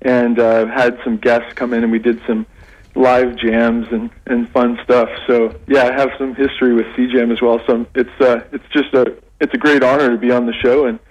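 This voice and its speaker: A Canadian man, middle-aged, talking as a phoned-in radio guest, halting with many restarts and fillers. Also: medium pitch, level tone, dull audio. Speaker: radio guest, English lecturer.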